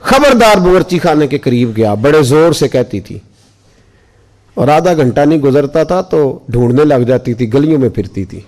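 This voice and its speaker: A man's voice: mid-range voice, lively intonation, normal speed, a little mellow. A male preacher, telling family stories in a sermon and acting out their voices with rising and falling tones. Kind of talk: sermon with storytelling.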